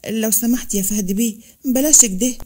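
A woman's voice: fairly high pitch, a little fast, warm tone, close to an everyday voice. A woman voicing a shy young Egyptian bride with an Egyptian accent, pleading timidly in a storybook reading.

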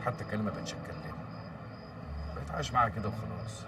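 An actor playing an Egyptian man who is brisk and commanding with his friends and tender with his partner. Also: lowish voice, animated, natural voice. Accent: Egyptian Arabic. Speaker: gang leader. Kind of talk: TV drama acting. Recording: distant mic, heavy background noise.

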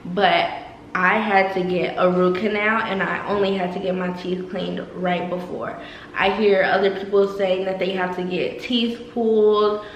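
A woman's voice: medium pitch, level tone, measured pace, dull audio, a little hiss or hum. Young woman vlogger, 19, speaking with braces, chatty Q&A, echoey room. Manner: chatty, with frequent ums and likes. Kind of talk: casual Q&A vlog.

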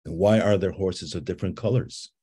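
With a very deep, husky voice, a man from Guatemala leads a visioning exercise, guiding a meditation and telling a story. Calm, slow and repetitive, he offers mellow, gentle invitations to feel and imagine again and again.

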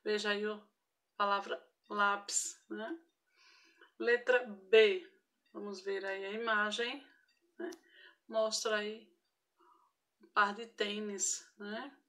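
A woman with a Brazilian Portuguese accent teaches an online grammar lesson to primary school children, patiently spelling out each example and checking in often with short tag questions. Her mid-range voice is level, bright and forceful, moving slowly with long pauses.

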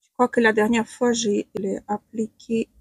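In a small room at home, a forties-aged Ukrainian beauty vlogger with a Ukrainian accent talks through her makeup routine casually, with many hesitant fillers. Her husky voice is on the high side, level in tone and a little slow, with no room sound.

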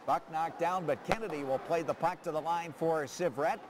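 A man calling hockey play-by-play in clipped phrases that rise into excited shouts. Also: on the high side, normal speed. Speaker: play-by-play commentator. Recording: very noisy arena broadcast.

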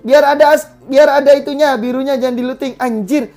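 This gaming channel host speaks fairly quickly in a high, steady, warm voice as she commentates a live game, barking repeated orders at the players and swearing casually. Faint music plays behind her.

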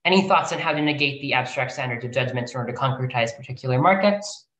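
A woman's voice: a bass voice, racing, a bit bright. A woman speaker answering audience questions in an academic talk, thinking aloud with many fillers and restarts, sounding winded. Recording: roomy echo.

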